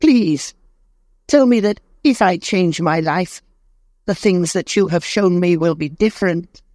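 A man doing Scrooge as an old man pitched well above his own voice, crying out in earnest pleas and bursts of feeling. It is a storybook reading with a dry, close sound. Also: unhurried, a little mellow, dry recording. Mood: pleading. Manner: emotional, pleading, exclamatory. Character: old man Scrooge, repentant, desperate then overjoyed.

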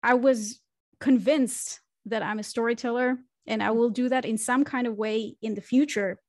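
Slightly high and a little mellow, this woman's voice moves at normal speed with fairly even intonation. She is a marketing consultant from Israel and a podcast guest who reflectively tells her career story, with fillers and restarts, in a casual interview. She uses a studio microphone on a video call from a small home room, with no echo.

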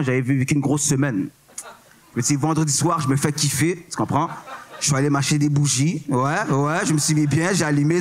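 A man's voice: fairly high pitch, slight background noise. A young man in his twenties with a Québécois accent doing a stand-up set on a club stage, full of slang and English words, often asking if you follow. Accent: Québécois French. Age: 20s. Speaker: stand-up comedian.

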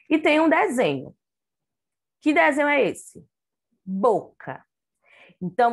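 A woman teaching an online phonics lesson to young children, with a Brazilian Portuguese accent, sounding out words syllable by syllable. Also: mid-range voice. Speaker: kindergarten teacher.

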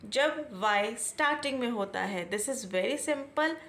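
Indian woman teacher, high voice, slow patient delivery, Hindi speaker explaining English rules. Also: animated, a bit bright. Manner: slow, patient, repeats key points and asks questions back. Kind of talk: classroom-style explanation.

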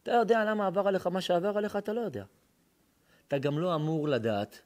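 A rabbi with an Israeli accent giving a dramatic sermon, telling stories and swinging from hushed tones to shouting. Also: male voice, high voice, lively intonation. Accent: Israeli Hebrew. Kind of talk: sermon with storytelling. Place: synagogue or lecture hall.

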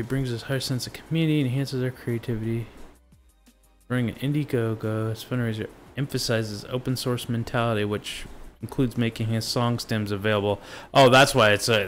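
A man's voice: medium pitch, fairly bright tone. Rambling laid-back male tech streamer. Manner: rambling, goes off on tangents; laid-back, jokey, self-interrupting. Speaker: show host. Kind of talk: casual live-stream commentary.

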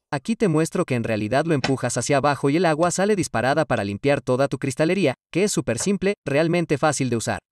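A man's voice: on the high side, dry recording, studio quality, recorded from a distance. A young man giving an upbeat, casual tour of the converted shuttle bus he lives in.

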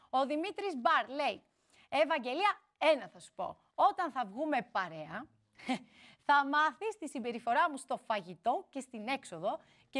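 A woman's voice: high voice, fairly bright tone. A young woman hosting a live TV show, chatting and teasing as she reads out viewer messages. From Greece. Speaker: TV show host. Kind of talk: lively live TV presenting.

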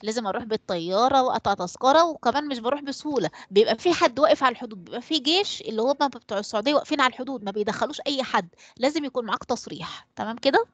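Rapid-fire Egyptian woman teacher. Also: a little high, lively intonation, no room sound. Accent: Egyptian Arabic. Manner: quizzing pupils by name, leaving blanks for them to fill. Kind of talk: online class quiz and explanation.

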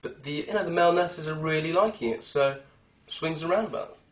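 Hesitant, deadpan young male doctor played by an actor for spoof interview, slightly high voice, off mic. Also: a little fast, close to an everyday voice. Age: young adult. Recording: echoey, distant mic, noisy.

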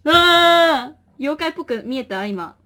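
A young woman chatting casually with viewers as a livestream host, playful and animated, often exclaiming as she reacts. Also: on the high side, a little fast. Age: young adult. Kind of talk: casual chat with viewers during a makeup stream. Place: small indoor room.

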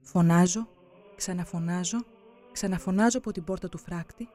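A narrator with a mellow, medium-pitched voice delivers a solemn, measured scripted reading for a religious documentary.

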